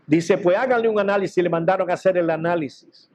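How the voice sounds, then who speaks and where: A man's voice: high-pitched, fast talker, darkish tone. A male pastor giving a fervent testimony sermon, telling his story with quoted dialogue.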